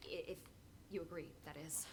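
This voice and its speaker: An actress playing an eager young female research scientist in a game, talking earnestly and a little haltingly. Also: low voice, steady tone, heavy background noise. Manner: earnest, chatty, slightly halting.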